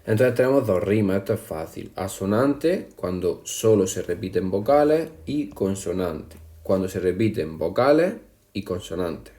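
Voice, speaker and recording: A man explains a lesson to his students in a slow, patient way, often counting things out aloud one by one. His voice sits low and sounds soft and mellow rather than bright. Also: animated. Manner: patient, counts syllables aloud slowly, addresses students directly. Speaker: language teacher. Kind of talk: classroom explanation over slides.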